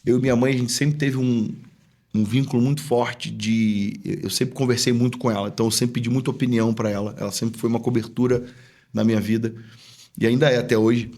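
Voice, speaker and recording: Speaking briskly in a steady, mid-range voice with a gravelly, darkish tone, this man recounts something from his own life on a podcast. He is a pastor and business owner, and he tells it in a casual, earnest, talkative way, performing the remembered conversations.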